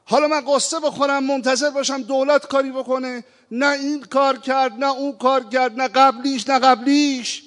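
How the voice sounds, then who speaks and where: A man preaching a sermon, moving from quiet reflection to impassioned appeals and slowly chanting verses. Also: very high-pitched, steady tone. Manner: impassioned, rising to emphatic appeals; recites verses in a slow chanting tone. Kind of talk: religious sermon. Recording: reverberant hall.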